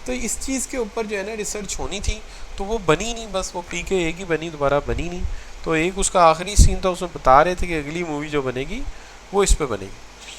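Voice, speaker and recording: A man's voice: high-pitched, a bit bright, slight background noise, rough recording. A man teaching a recorded lecture to students, mixing English terms into his talk and repeating phrases to show how tone changes meaning. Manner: mixes English terms into Urdu, addresses students as children.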